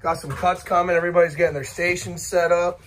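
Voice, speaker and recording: Hyped young barber vlogging, high voice. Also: male voice, little pitch movement, fast talker. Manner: hyped, loud greetings. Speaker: barber and vlog host. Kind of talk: casual vlog chat. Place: inside a parked barber bus. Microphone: phone camera at arm's length. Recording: noisy vehicle background.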